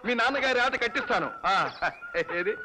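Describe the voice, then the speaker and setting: A man's voice: extremely high pitch, brisk, background noise. An actor playing a playful young man who teases and coaxes his sweetheart in a film scene. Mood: teasing. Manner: teasing, coaxing. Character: playful teasing young male lover. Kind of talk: 1980s film dialogue.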